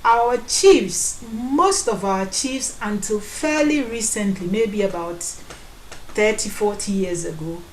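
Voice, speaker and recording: A woman, speaking on an online town hall panel, deliberate and pausing to search for her words. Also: medium pitch. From Ghana. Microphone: video call. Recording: echoey room, faint background noise.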